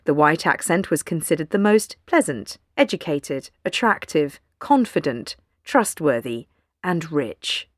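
Low-voiced woman reading a news essay. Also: lively intonation, unhurried, no room sound, studio quality. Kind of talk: scripted narration.

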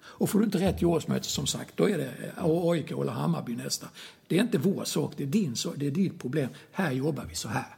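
A man's voice: fairly high pitch, animated, gravelly, darkish tone. A man talking as a youth football coach, blunt and emphatic, who swears freely and keeps tagging rhetorical questions onto his points. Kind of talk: conversational explanation.

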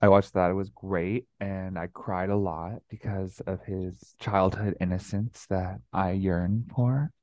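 A man's voice: sits low, fairly even intonation, unhurried, few pauses, a little mellow, no room sound. A young adult man co-hosting a podcast in casual chat, with a dry, offhand delivery. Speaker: podcast co-host.

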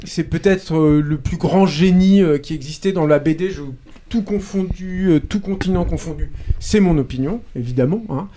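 A man's voice: a little high, normal speed, dark tone, a little hiss or hum. A man giving blunt, opinionated views in a casual chat about films and comics. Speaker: podcast co-host.

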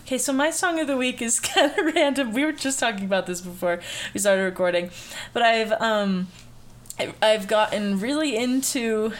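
A woman's voice: a little high, normal speed. A young woman co-hosting a podcast, chatting casually and telling a story with lots of fillers and laughter. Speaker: podcast co-host. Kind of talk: casual chat. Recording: faint background noise.

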